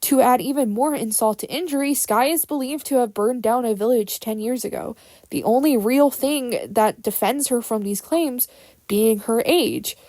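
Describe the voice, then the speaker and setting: A woman with a fairly high voice and a dry, close sound rants in an opinionated, slightly unhinged way. She speaks casually from prepared material, swearing freely and dropping sarcastic asides. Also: normal speed, dark tone, no echo. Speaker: fan fiction creator. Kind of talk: casual scripted rant explaining characters.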